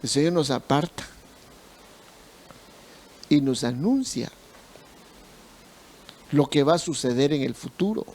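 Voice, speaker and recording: A male pastor preaching a sermon slowly, repeating phrases for emphasis. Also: on the high side, a little mellow.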